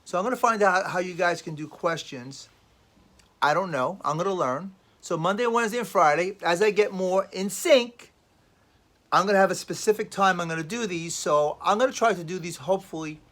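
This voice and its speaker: A man with a somewhat high voice speaks as a life coach in a loose, motivational vlog. He rambles from point to point, repeats himself and stresses his words emphatically. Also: moderate pace, a bit bright. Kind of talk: casual motivational vlog talk.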